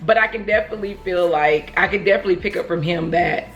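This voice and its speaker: A woman's voice: fairly low pitch, quick pace, lo-fi sound, soft background music. A woman from Oakland, California with an American accent, chatting casually as she tells a rambling personal story and acts out what people said. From Oakland, California, United States. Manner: rambling, conversational, acts out reported dialogue. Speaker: vlogger telling a personal story. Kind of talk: casual storytime chat to camera.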